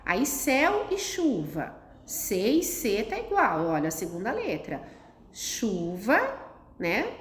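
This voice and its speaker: A woman teacher, patiently explaining a lesson to children step by step and checking in with "tá?". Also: medium pitch. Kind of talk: recorded classroom lesson for children. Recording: echoey room, faint noise.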